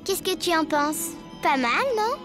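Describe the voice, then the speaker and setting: A woman's voice: high-pitched, animated, measured pace, over music. A woman voicing a cheerful, carefree little superhero girl in a cartoon. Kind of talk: French cartoon voice acting.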